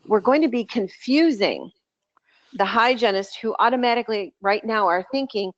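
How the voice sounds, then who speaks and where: A woman's voice: a little high, moderate pace, no room sound. A woman speaking as a dental practice coach on a group voice call, outspoken and emphatic. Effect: heard over a group voice call. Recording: dull lo-fi call audio.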